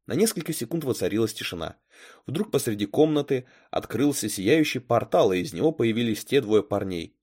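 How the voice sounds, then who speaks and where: A man narrating a storybook chapter with expressive, dramatic delivery. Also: medium pitch, brisk, slightly rough. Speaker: story reader.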